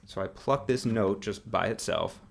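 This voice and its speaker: Gravelly-voiced man teaching guitar singing. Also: on the low side, moderate pace. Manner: relaxed explaining, demonstrating on guitar, hums along with notes. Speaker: music teacher. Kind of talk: casual guitar and singing lesson. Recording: guitar playing under the voice.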